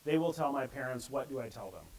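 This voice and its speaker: A man's voice: medium pitch, animated, fast talker, darkish tone, low-quality recording. A middle-aged man giving a conversational conference talk and acting out the quotes he reads. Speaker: conference speaker.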